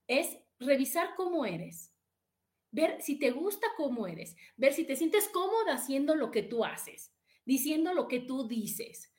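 Mexican woman, middle-aged, high voice, chatty motivational talk, speaks straight to her viewers. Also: very animated, unhurried. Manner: warm, chatty, addresses viewers directly. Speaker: live-stream host reading viewer comments.

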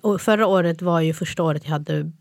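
A woman co-hosting a podcast in casual chat, easygoing and quick to agree. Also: sits low, creaky, a little mellow, no echo, clean studio sound. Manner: easygoing, with frequent short agreeing replies. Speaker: podcast co-host.

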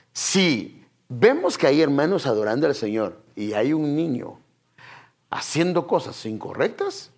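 A man delivers a sermon in a husky voice, his pitch rising and falling dramatically. He speaks straight to his listeners, often calling them brother. He drops to near-whispers, then comes back with loud, pointed emphasis. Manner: swings between hushed asides and loud emphatic bursts; addresses the congregation directly, repeating "fíjese" and "hermano". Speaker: pastor.

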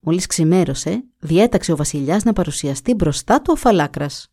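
A woman narrating a folk tale in a steady, even storytelling manner on a close mic. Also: fairly low pitch, dry recording.

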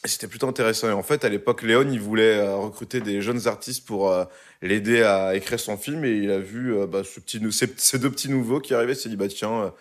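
In a quick, lowish voice with fairly even intonation, a young man presents a segment on a casual podcast he co-hosts. He tells a story loosely and jokingly, leaning on many fillers.

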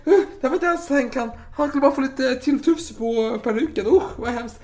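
A man voicing a panicking king, squealing and flustered as he shrieks cries of disgust and barks hurried orders. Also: extremely high pitch, voice pushed up. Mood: panicked.

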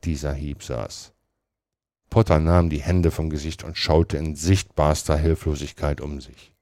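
Deep-voiced man reading a storybook. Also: flat delivery, measured pace, dark tone, dry recording, studio quality. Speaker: storybook reader. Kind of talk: reading a classic novel aloud.

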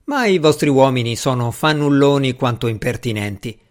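A man voicing a confident, dismissive male magician in an audiobook, speaking in a brisk way. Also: medium pitch, lively intonation, natural voice.

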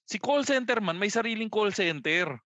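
A man's voice: high voice, expressive, normal speed, fairly bright tone, no room sound. A married Filipino man co-hosting a podcast, joking crudely and laughing a lot as he riffs on silly ideas. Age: adult, married. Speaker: podcast co-host. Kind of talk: casual joking chat.

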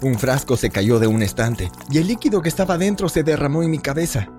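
A man narrating an animated first-person story in a scripted, expressive way. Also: on the high side, a little fast, music in the background.

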